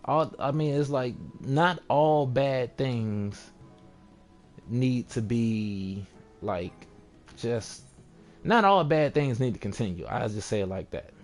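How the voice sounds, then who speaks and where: A young man talks straight to the camera in a loose, rambling rant, calm and laid-back in his delivery. His voice sits at an ordinary middle pitch, and faint music plays under him. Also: takes it slowly. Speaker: vlogger.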